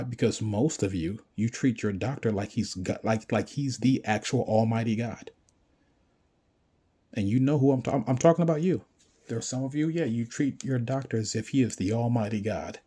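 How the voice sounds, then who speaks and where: A man's voice: on the low side, mellow, husky. A man delivering a profane, confrontational rant straight at the listener and insulting them as he goes. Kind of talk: ranting monologue.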